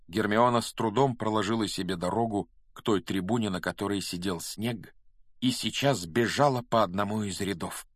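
A man narrating a fantasy audiobook in a brisk, steady storytelling manner. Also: fairly low pitch, dry recording. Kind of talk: scripted narration.

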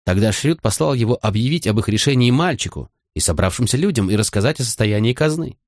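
A man's voice: medium pitch, expressive, fast, no room sound, clean studio sound, close to an everyday voice. A man reading an audiobook, voicing a young queen who speaks urgently and confidingly. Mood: worried. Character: young grieving queen, earnest and direct. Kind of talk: audiobook character voice.

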